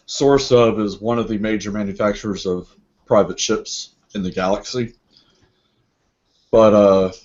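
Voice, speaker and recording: A man narrating as game master in a tabletop role-play, relaxed and musing, with many fillers and restarts. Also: lowish voice. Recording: dull lo-fi group recording.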